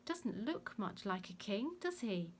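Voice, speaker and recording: A woman's voice: medium pitch, very animated, slow, slight background noise. A woman voicing a brutish, mocking Roman soldier in a dramatic Bible story reading. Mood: gloating. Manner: mocking, gloating.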